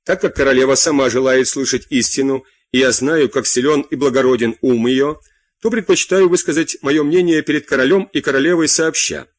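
Calm court doctor, audiobook, male reader, husky and dry. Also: mid-range voice, fairly quick, dry recording, close to an everyday voice. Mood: courteous.

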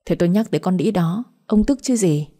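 A woman voicing a harsh, spiteful middle-aged mother who taunts and curses in a shrill voice. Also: lively intonation, fairly quick, warm tone. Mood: shrieking.

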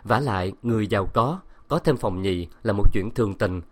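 A man narrating a story in a steady, measured reading voice. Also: fairly low pitch. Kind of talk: scripted audiobook narration.

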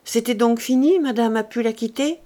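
A woman reading aloud, voicing a caring young woman who speaks gently and earnestly, growing urgent with worry. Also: on the high side, normal speed, close to an everyday voice. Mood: anxious. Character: caring young woman, anxious but tender.

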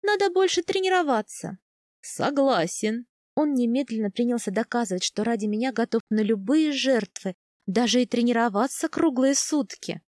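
A woman narrating a first-person audiobook in a calm, even storytelling manner. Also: a little high, fairly quick, dry recording, studio quality.

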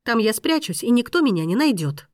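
Woman doing an enraged young heroine, high and loud, shrill outbursts, dry audiobook read. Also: sing-song, brisk, no room sound. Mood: furious.

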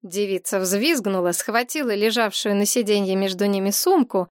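A woman reading an audiobook as narrator, in steady, even storytelling. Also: mid-range voice, moderate pace, no room sound, clean studio sound. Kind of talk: scripted narration.

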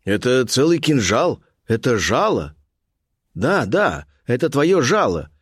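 An impatient, eager nineteenth-century officer, as voiced by a male reader, firing off short exclamations. His voice is mid-pitched and lively, rising and falling a lot. The sound is close and dry. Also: slow, husky, dry recording, full character voice.

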